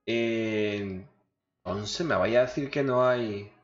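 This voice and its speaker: A man's voice: lowish voice, takes it slowly. A man with an accent from Spain giving casual, coarse, informal gameplay commentary, muttering to himself as he goes. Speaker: gaming video host. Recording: echoey, dull microphone, faint music. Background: faint game music.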